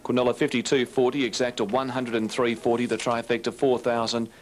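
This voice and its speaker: An Australian man calling a horse race, listing the runners in a rapid, rhythmic patter and then reading out the results and payouts. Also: flat delivery, a little hiss or hum, rough recording. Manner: rapid, rhythmic listing of runners, rising in pitch toward the finish. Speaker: race caller.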